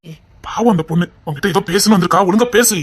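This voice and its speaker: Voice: mid-range voice, rapid-fire, breathy edge, pitched below the performer's own voice, lightly acted. A performer doing a soothing Tirunelveli husband. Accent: Tirunelveli Tamil. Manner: soothing, coaxing. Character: calm grown man, gentle husband.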